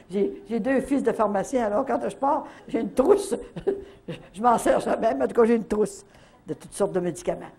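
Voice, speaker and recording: An older woman with a Canadian French accent telling a faith testimony at a retreat, in a lively storytelling manner full of little verbal tags. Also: on the high side, normal speed, breathy edge. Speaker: retreat speaker.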